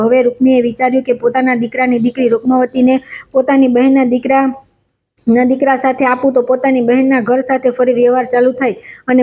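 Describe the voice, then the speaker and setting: Woman katha narrator, brisk steady telling, high-ish and quick. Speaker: katha storyteller. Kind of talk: devotional scripture narration.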